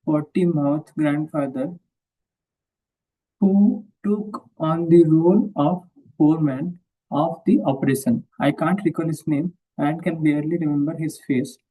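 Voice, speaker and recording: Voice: medium pitch, mellow, far from the mic, rough recording. A speaker from India, reading a book aloud and discussing it, often stopping to reread and repeat phrases. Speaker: book reader.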